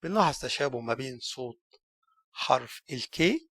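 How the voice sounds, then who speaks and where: A man's voice: medium pitch, lively intonation, normal speed, fairly bright tone, breathy edge, no room sound. A man with an Egyptian Arabic accent teaching English letter sounds, saying each letter and word and then explaining it. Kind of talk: recorded language lesson.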